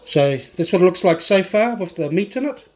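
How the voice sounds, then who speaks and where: Echoey, higher-voiced man with Maori accent. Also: expressive, normal speed, darkish tone, faint music behind. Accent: Maori New Zealand. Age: middle-aged. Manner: laid-back, rambling, colloquial. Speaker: home cook presenting a cooking video. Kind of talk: casual cooking demonstration. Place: home kitchen, indoors. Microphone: phone camera across the counter. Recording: echoey kitchen, camera at a distance.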